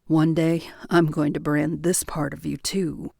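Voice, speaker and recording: A stoic, possessive man, put on by a woman reading a romance audiobook speaks in a lowered, husky murmur. His lines come terse and insistent, firm about what he wants. The sound is dry and close. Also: level tone, a little slow, warm tone, no echo, exaggerated voice. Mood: lustful. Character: stoic, possessive grown man, gruff with desire.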